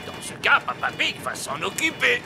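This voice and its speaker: An actor playing a gruff but helpful old dog mechanic in a children's cartoon, with a gravelly, hearty, emphatic delivery. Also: male voice, extremely high pitch, wildly swooping pitch, normal speed, over loud music, exaggerated voice. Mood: matter-of-fact.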